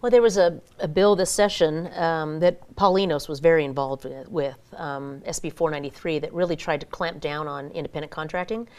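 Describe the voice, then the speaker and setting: Woman, interview guest, conversational, opinionated, frank, lowish pitch. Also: brisk, hardly any pauses, darkish tone, smooth. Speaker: interview guest, small business advocate.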